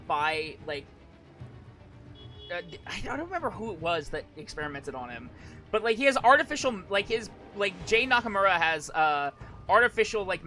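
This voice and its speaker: High, bright-voiced male streamer, rambling along. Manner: hesitant, rambling, repeats and restarts phrases. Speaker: streamer, virtual YouTuber. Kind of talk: casual live-stream commentary.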